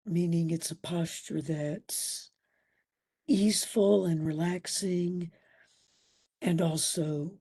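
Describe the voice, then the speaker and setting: A meditation instructor guides a session in a breathy, soft-edged voice that sometimes nears a whisper. She speaks very slowly and soothingly, leaving long pauses between short phrases, her lowish tone dark and mellow.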